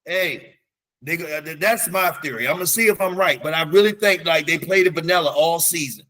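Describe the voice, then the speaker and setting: Man, sports podcast co-host, bright and fairly high voice, animated, slangy, stat-heavy banter. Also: fast talker. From United States. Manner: animated, slangy, rattles off stats. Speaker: teacher. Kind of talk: casual sports chat.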